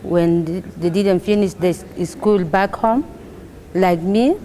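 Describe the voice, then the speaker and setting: A woman from South Sudan with a South Sudanese accent, an adult education student who speaks English as a second language, talking haltingly about her classes and repeating words as she searches for them. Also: mid-range voice, warm tone, a little hiss or hum. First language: not English. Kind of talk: interview testimony.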